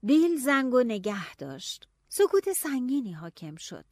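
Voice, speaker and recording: A woman narrating a novel in the first person, telling it in a lively, expressive way. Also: fairly high pitch, no echo. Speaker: audiobook narrator.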